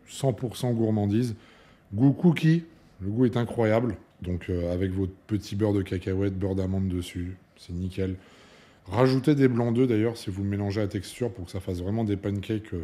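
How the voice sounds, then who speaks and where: A man's voice: fairly low pitch, mellow. A young man, a fitness coach, talking casually to camera, chatty and emphatic, with many fillers and asides.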